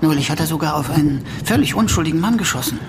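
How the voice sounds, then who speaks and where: An actor playing a confiding, uneasy young gentleman, a twin brother, in an audio drama. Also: a little high, animated, fast, heavy background noise, lightly acted. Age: young adult.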